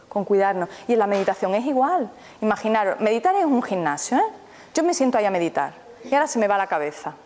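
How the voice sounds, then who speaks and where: A woman's voice: mid-range voice, a little mellow. A woman, a therapist giving a live mindfulness talk, who keeps turning to the audience with questions. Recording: reverberant hall, faint background noise.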